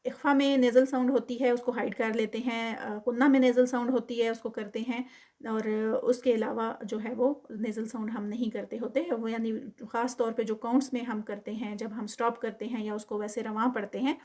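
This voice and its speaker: Woman teaching Quran recitation, slightly high-pitched. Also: flat delivery, darkish tone. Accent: Pakistani Urdu. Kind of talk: tajweed lesson, modelling each word then explaining.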